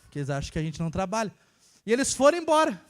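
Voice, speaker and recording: Man, young adult, high voice, informal sermon testimony, hushed then emphatic. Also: big pitch swings, racing. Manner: informal, storytelling, swings between hushed and emphatic. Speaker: church worker preaching.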